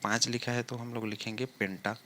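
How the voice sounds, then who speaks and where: A man with a sharp-toned, mid-range voice and flat delivery explains chemistry step by step at the blackboard. He draws words out slowly as he writes, asking and answering his own questions, with slight background noise.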